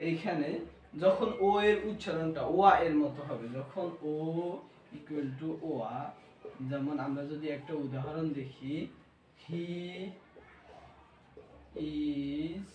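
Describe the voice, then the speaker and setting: A man's voice: a little high, a little slow, darkish tone, dull audio. Bangladeshi guy teaching grammar, asks then answers himself, kinda far from the mic, faint hum behind. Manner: asks the class questions and answers them himself. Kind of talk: classroom grammar lesson. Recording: echoey room, voice from far off.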